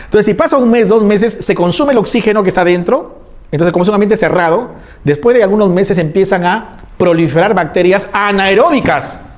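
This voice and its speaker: A male teacher giving a lecture, animated, asking questions and answering them himself. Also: high voice, fairly quick. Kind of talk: classroom lecture.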